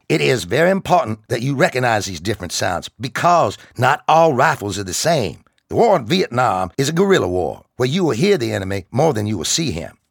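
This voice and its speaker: Gruff, profane drill sergeant, put on by a male narrator, pitched up and shouting. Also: dry recording, studio quality. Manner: barking, commanding, profane. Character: loud drill sergeant, gruff, commanding, adult man.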